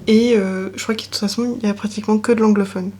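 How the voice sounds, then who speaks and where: A young woman vlogging at home in front of her bookshelves, chatting casually about books with soft, trailing asides. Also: medium pitch, steady tone, fast, slight background noise. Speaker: book vlogger. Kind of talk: casual chat presenting books.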